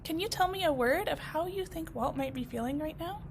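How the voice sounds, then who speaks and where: A woman teacher reading a picture book aloud to first graders, expressive and encouraging, asking them questions as she goes. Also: high-pitched, fairly quick, slight background noise.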